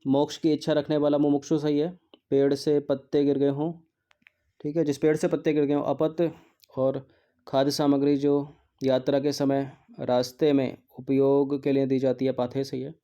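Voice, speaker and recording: A man's voice: medium pitch, flat delivery, moderate pace, dark tone. A male teacher going through exam practice questions, repeating words to drill their spelling and mixing in English terms.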